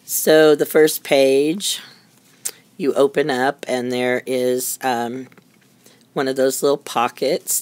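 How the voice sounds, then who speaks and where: A woman's voice: rumbling low, darkish tone, dry recording. A middle-aged woman giving a casual, chatty show-and-tell of her handmade crafts, rambling and easily amused. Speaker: craft maker showing handmade journals. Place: indoors at a craft desk.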